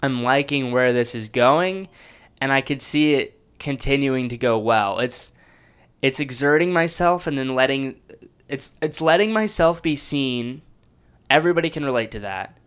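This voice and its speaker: A comedian talking excitedly and reflectively as he breaks down his own stand-up set. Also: medium pitch, normal speed, clean tone. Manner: enthusiastic and self-reflective, with restarts.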